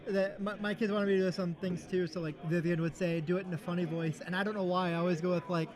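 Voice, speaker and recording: A man with a high, light voice chats on a livestream after a few drinks. He rambles loosely and pokes fun at himself between stories. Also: level tone, fast, a crowd in the background. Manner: rambling, laughing, self-deprecating. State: tipsy. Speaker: livestream co-host. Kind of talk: casual chat.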